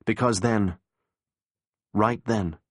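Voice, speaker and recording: A man narrating an audiobook in a measured, somber manner. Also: lowish voice, dry recording, studio quality. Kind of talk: scripted narration.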